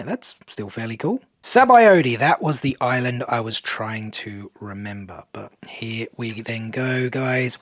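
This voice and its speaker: A man hosts a casual unboxing, talking straight to his viewers. He often second-guesses himself, restarts and trails off. His voice sits at an ordinary middle pitch and is recorded dry and close. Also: dry recording. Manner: speaks to viewers as "guys". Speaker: card-opening video host.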